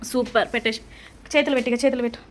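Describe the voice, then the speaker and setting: A woman's voice: a little high, fairly even intonation, background noise. A woman, a mother coaxing and instructing her children through a clay craft in a casual home video. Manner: coaxing, instructive, quick questions.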